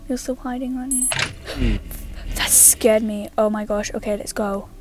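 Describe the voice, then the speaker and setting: A woman giving casual gameplay commentary, mostly hushed and nervous, bursting loud when excited. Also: mid-range voice, moderate pace. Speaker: gaming YouTuber.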